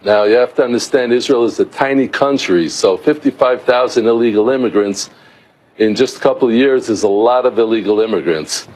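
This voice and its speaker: A man's voice: medium pitch, a little fast, darkish tone, poor audio. A middle-aged American-raised man, an author, giving a remote news interview in an explanatory way with many restarts. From United States. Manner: explanatory, with frequent restarts and fillers.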